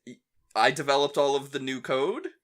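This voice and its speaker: A man's voice: mid-range voice, moderate pace, fairly bright tone. A young adult man hosting a casual podcast chat, talkative and swearing freely. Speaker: podcast host.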